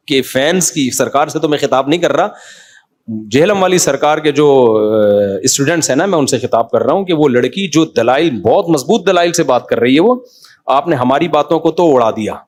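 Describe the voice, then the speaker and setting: A man in his role as a cleric, giving a casual religious talk with an animated, conversational delivery that rises in pitch for emphasis. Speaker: Islamic cleric answering questions.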